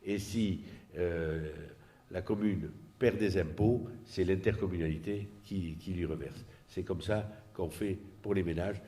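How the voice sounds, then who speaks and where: Delivering an off-the-cuff political explainer, this man has a deep, warm voice. He stumbles along, frequently repeating himself as he searches for words.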